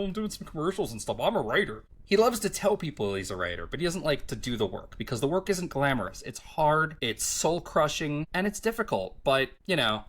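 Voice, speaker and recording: A man in his thirties talks on a podcast, rambling and self-reflective. His pitch swings widely, and he leans heavily on fillers. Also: fairly bright tone. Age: 30s. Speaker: podcast host. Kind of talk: casual chat.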